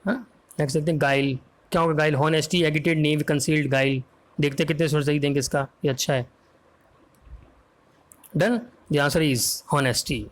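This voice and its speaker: Man, online tutor, spells words aloud, coaxing, slightly high pitch. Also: fairly even intonation, moderate pace, long pauses. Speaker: exam vocabulary teacher. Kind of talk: online exam prep lesson.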